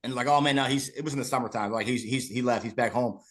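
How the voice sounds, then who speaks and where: This man, a former PE teacher, is a co-host on a football podcast, and the talk is a casual interview. He talks fast at a medium pitch with a slightly bright tone, rambling casually, repeating words and starting over.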